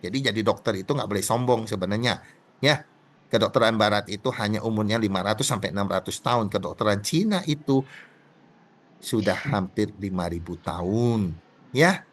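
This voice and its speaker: A middle-aged man giving a classroom lecture, animated, often asking the class rhetorical questions and acting out little dialogues. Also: moderate pace. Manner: acts out dialogue with pitch jumps.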